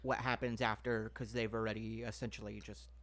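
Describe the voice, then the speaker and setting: A man's voice: on the low side, level tone, fairly quick, a bit bright. A man hosting a podcast in casual chat. He rambles with many fillers and restarts while asking his guest questions. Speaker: podcast host.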